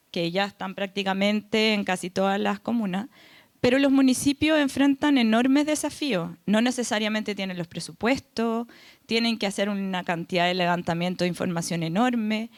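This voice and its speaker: A woman speaks earnestly on a foundation panel, explaining things and often checking in with the audience using tag questions like "¿ya?". Her voice is mid-range at a moderate pace, and the recording is dry with clean studio sound.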